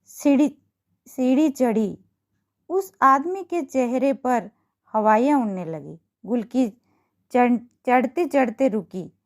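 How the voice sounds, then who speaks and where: A woman reading a short story aloud as a storyteller, in a measured, expressive narration. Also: a little high.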